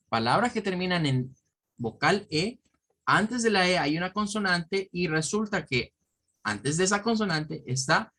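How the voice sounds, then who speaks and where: With a high-pitched, fairly bright voice, the man teaches pronunciation online as an English teacher. He goes through it patiently one step at a time, repeating sample words and frequently checking in with his audience.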